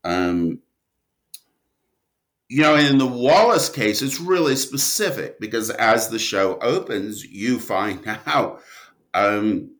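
This writer, a man giving a casual interview, keeps breaking off and starting his ideas over with animation; his voice runs on the low side and his pace is slow.

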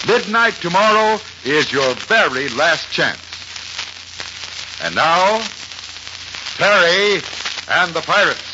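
A man's voice: a little high, lively intonation, unhurried. An American man announcing in 1940s old radio style, talking like a chummy salesman addressing children. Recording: noisy, muffled 1940s radio recording.

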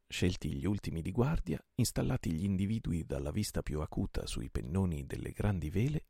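An audiobook reader, a man, narrates an old adventure novel as night-time reading, his phrasing dramatic and lively. His low, husky voice carries heavy vocal fry. The recording is dry and close-miked with no echo.

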